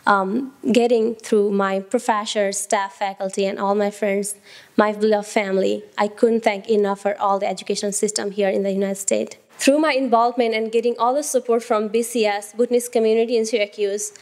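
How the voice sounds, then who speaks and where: A woman in her twenties with a Nepali accent, a college student giving a steady, prepared personal statement into a handheld mic. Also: mid-range voice, fairly quick. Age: 20s.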